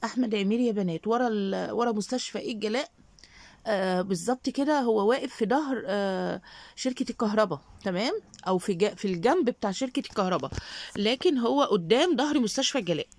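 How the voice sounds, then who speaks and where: A woman's voice: medium pitch, fast. A middle-aged Egyptian woman with an Egyptian accent, greeting her followers by name and offering them blessings in a casual shopping vlog. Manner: warm greetings and prayers for viewers. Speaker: shopping vlogger.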